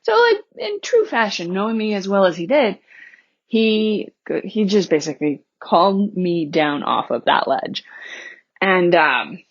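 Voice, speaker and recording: A woman's voice: mid-range voice, big pitch swings, unhurried, dull audio. A woman in her thirties hosting a podcast and telling personal stories in a candid, conversational way, laughing now and then. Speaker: podcast host.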